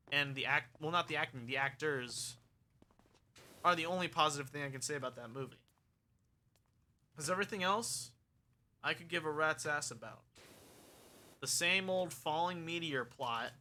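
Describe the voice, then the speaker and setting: A man's voice: on the high side, moderate pace, pauses often, bright, forceful tone. A young man streaming a game and chatting casually, rambling frankly through his opinions.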